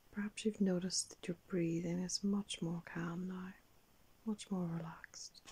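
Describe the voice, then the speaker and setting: An older woman narrating a guided meditation like a sleep story, in a soft, breathy whisper, calm and unhurried with long pauses. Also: fairly low pitch, rough recording. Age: older, around 60s. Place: small indoor room.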